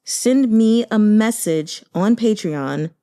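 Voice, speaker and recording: Speaking slowly in a medium-pitched voice that's animated yet dark in tone, an audiobook reader and reading-channel host gives casual reaction chat and announcements. She's conversational and emphatic, putting her opinions plainly.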